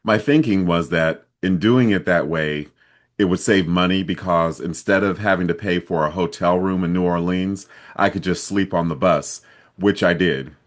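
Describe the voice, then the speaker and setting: A man from Ohio, a vlogger, telling a travel story in a steady, plain way. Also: deep voice, normal speed.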